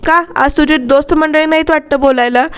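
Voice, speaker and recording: A snappish, stressed young husband brushing off his wife, as a woman narrator quotes him. The lines stay in her own high voice in a TV serial retelling. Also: fairly even intonation, brisk, close to an everyday voice. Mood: irritated.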